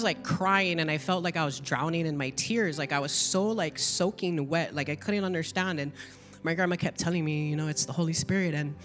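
A woman's voice: lowish voice, big-room sound. Emotional woman sharing her testimony. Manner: emotional, chatty, lots of "like". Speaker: church member giving a testimony. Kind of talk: Easter testimony at church.

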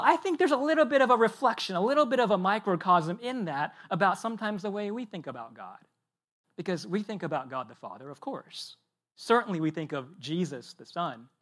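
A male pastor in his thirties preaches a sermon like a friendly chat, telling stories with lively energy. His voice sits high for a man. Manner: lively, chatty storytelling.

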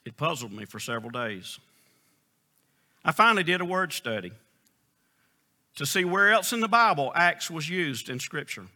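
A man preaching a sermon, reading scripture in King James wording and telling folksy, humorous stories. He rises to loud, emphatic questions and drops to quiet, low storytelling. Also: animated, normal speed, long pauses.

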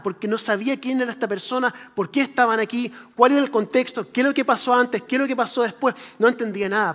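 A man's voice: very high voice, fairly bright tone, big-room sound. A man preaching a sermon in a conversational way, repeating phrases for emphasis.

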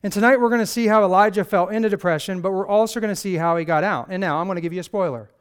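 A man's voice: high-pitched, rapid-fire, smooth. A man preaching a casual sermon, telling a Bible story with sarcastic, conversational asides and acted quotes. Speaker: pastor.

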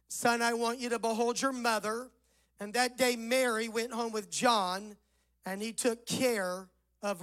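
A man with a Southern US accent preaching a sermon as a pastor, his voice rough, hoarse and hollow as if inside a barrel, phrasing deliberately. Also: very high-pitched, a bit bright, rough recording. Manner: deliberate phrasing with scripture recitation.

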